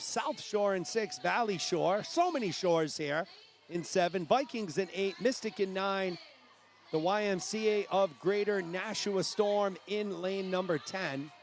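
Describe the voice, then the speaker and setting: A man with a New England accent calling a youth swim meet live, brisk play-by-play that rises at the finishes. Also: sits high. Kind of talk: live sports commentary.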